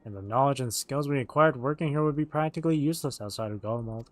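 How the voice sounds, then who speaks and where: A man's voice: medium pitch, fast, no room sound. A man streaming a game, reading its written dialogue aloud and acting it out as he goes. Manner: acts out the written dialogue as they read.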